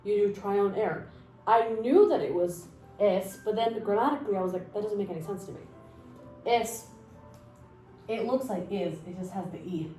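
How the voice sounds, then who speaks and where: A young Mexican woman in her 20s gives a casual spoken language lesson, chatty and encouraging, full of fillers and asides. Her mid-range voice moves at a normal speed with a dark tone. The recording has a roomy echo and faint music.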